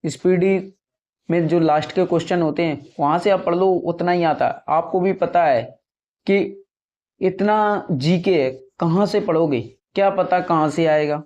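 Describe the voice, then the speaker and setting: An earnest young man talks casually to his viewers, calling them brothers and repeating his points so they sink in. His voice sits a little high for a man. The sound is dull and lo-fi. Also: unhurried, darkish tone. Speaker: successful exam candidate giving advice. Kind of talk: casual advice talk to camera.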